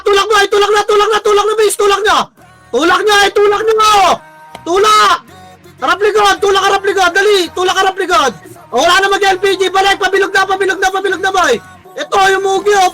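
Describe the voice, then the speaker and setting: A Filipino man calling commands to his team during an online game, barking quick orders and swearing often. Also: very high-pitched, fairly even intonation, bright, forceful tone, faint music behind. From Philippines. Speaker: team shotcaller. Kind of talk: live game commentary and team calls.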